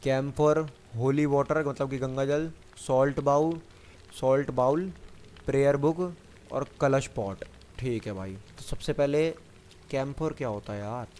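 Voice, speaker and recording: A gamer gives running commentary on a horror game, chatting to himself and his viewers in a measured, mid-range, slightly mellow voice. When the enemy appears, he breaks into panicky bursts.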